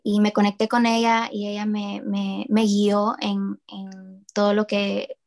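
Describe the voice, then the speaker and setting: The speaker is a young woman from New Orleans, USA, a student who founded a project, appearing as a guest in a casual interview. Her medium-pitched voice is slow, monotone, and darkish with vocal fry, and she hesitates with fillers and restarts.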